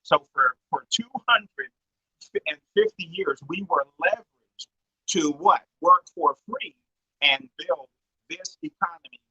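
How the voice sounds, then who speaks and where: A man's voice: fairly high pitch, measured pace, bright, forceful tone, husky, dry recording. A man giving a teaching talk over a weak online call, his voice breaking up and cutting in and out, preachy, putting rhetorical questions to his listeners. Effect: voice cutting in and out over a weak online connection. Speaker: guest speaker explaining finance. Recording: dull lo-fi call audio that keeps breaking up.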